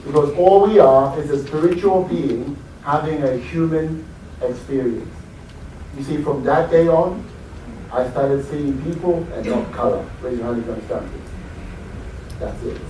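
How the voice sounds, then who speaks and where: The British motivational speaker's voice is on the high side, unhurried and mellow, as he tells stories and prompts his live audience with questions. He sounds far away in an echoey hall, with slight background noise.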